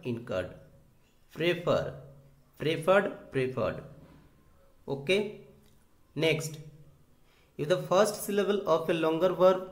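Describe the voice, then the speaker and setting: A man teaching a grammar lesson, slowly spelling out rules and saying each example word twice. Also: fairly high pitch, reverberant. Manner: slow, deliberate, repeats each example word twice, mixes Hindi and English. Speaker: English teacher.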